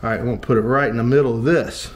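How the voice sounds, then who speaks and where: This American vlogger in his fifties races along in a steady, mid-range voice while showing a DIY project indoors in a small tiled living room. He's casual and folksy, cracking jokes and thinking out loud. A handheld action camera picks him up from changing distances, and the room is echoey with noticeable background noise.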